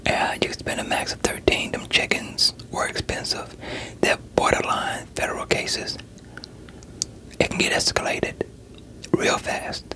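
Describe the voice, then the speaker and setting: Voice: measured pace, bright, forceful tone, poor audio. A performer in a whispered role-play voicing a veteran police interrogator who coaxes and pressures a suspect in a sceptical, streetwise way. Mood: sceptical, pressing.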